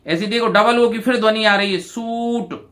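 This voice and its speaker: A male teacher, going through exam answers and repeating each word slowly to his students. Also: sits high, fairly even intonation, sharp tone. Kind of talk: exam answer walkthrough lesson.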